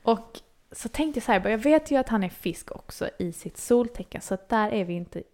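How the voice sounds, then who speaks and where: A woman's voice: fairly high pitch, expressive, darkish tone. A young woman co-hosting a casual chat podcast, telling stories with animation and acting out her own reactions. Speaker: podcast co-host.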